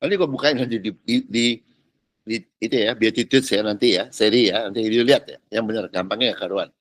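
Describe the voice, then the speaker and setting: A man preaching a casual teaching sermon as a pastor. He talks in lively colloquial bursts and keeps checking whether listeners follow. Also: fairly low pitch, brisk, no echo. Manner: animated, colloquial, peppered with English words and "ngerti nggak?".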